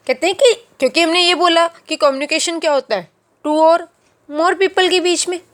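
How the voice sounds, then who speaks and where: A woman teaching a class, who explains by asking and answering her own questions and slows down on key terms. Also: very high voice, fairly bright tone. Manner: mixes in English terms, slows down on key phrases. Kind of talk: classroom lecture.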